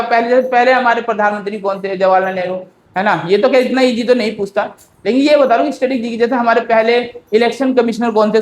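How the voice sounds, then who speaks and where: A man teaching an exam-prep lesson in a chatty, unhurried way, often checking in with his students. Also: high-pitched. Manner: chatty, repeats tag questions, calls listeners "beta"; speaks slowly by habit. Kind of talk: casual exam-prep lecture. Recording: roomy echo.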